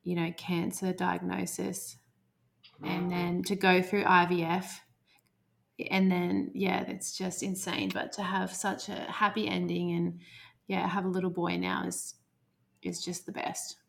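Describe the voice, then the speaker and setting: A woman hosts a relaxed interview. Her voice is slightly low and has a gravelly fry. She responds to her guest warmly and encouragingly. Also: measured pace. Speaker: podcast host. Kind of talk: casual interview chat.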